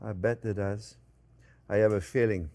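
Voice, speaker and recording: A man's voice: on the low side, steady tone, moderate pace, a little hiss or hum. An older man hosting a cooking show, chatting casually and animatedly to viewers as friends and often repeating short phrases as he demonstrates. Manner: addresses viewers warmly as friends.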